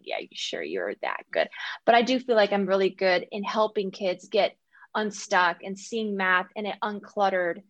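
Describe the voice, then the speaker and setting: A young adult woman speaks as an interview guest, enthusiastic and earnest about her coaching work. Her pitch sits in the middle range. The recording is dry and close, with no room sound. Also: a bit bright, no echo. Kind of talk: casual interview talk.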